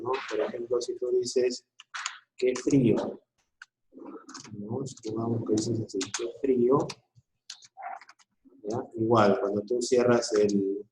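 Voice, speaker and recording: A man's voice: medium pitch, warm tone, reverberant, rough recording. A male school teacher giving a recorded online class, explaining patiently and often checking in with short questions.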